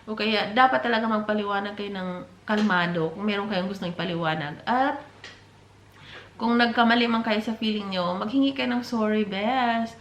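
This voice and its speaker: A woman's voice: medium pitch, moderate pace, fairly bright tone, muffled recording, slight background noise. Chatty woman vlogger in an echoey room. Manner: chatty, keeps calling viewers "bes" and "te"; mixes in English phrases. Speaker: vlogger giving dating advice. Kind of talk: casual advice vlog. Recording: roomy echo.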